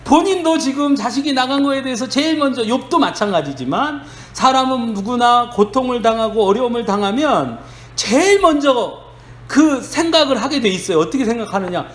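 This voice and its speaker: A man's voice: very high-pitched, expressive, moderate pace, fairly bright tone. A man preaching a sermon as a pastor, telling the story conversationally and asking rhetorical questions of the congregation. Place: church sanctuary. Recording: echoey church hall, faint noise.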